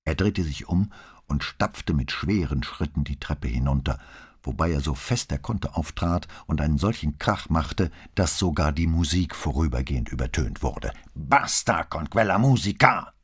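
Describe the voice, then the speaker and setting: Brief: deep, husky man for scripted crime-novel narration, steady and deliberate. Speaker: audiobook narrator.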